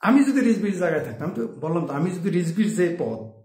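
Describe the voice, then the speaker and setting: A political commentator with a high, slightly mellow voice talks fairly quickly, his pitch swinging widely. His opinionated monologue is packed with rhetorical questions and chuckles at his own points, and the recording has a roomy echo.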